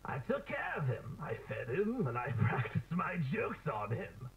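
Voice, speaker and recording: A man's voice: fairly high pitch, huge pitch swings, measured pace, creaky, full character voice. An actor playing a theatrical, mocking, menacing clown villain who drawls his lines in an analog horror drama. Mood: mock wistful. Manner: drawling, theatrical, with cackling laughter. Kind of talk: scripted analog horror acting. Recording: tinny, noisy degraded tape.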